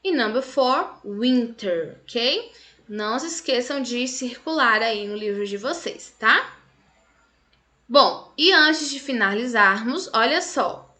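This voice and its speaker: A woman's voice: on the high side, expressive, slow pace, sharp tone. A woman teaching English to young children in a recorded class, checking in often with short questions.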